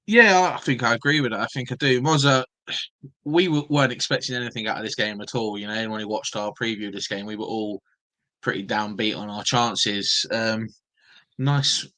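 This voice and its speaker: A man's voice: fairly low pitch, moderate pace, bright, forceful tone, low-quality recording. A man hosting a football podcast in a casual, chatty presenting style. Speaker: podcast host.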